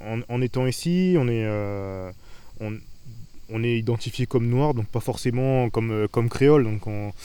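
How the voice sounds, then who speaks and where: A man's voice: medium pitch, normal speed, dark tone, smooth. A man giving personal testimony, hesitant and searching for words. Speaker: interviewee.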